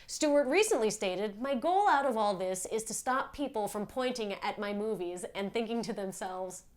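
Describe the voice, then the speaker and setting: A woman playing a mock TV news anchor, reading a spoof entertainment story in a crisp newsreader delivery. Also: mid-range voice, animated, moderate pace, lightly acted. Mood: deadpan.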